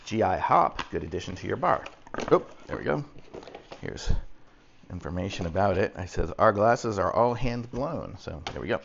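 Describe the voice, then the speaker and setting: A man's voice: low voice, expressive, normal speed, gravelly. A man from Texas talking in an easygoing, folksy, rambling way through a casual unboxing review. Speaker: product reviewer. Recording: muffled audio with faint background noise.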